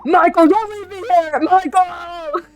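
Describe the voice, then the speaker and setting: A woman's voice: extremely high pitch, slow pace, faint music behind, pitched above the performer's own voice. A woman on a livestream imitating a muffled, trapped person crying out as if heard through a wall. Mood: desperate. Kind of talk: livestream chat.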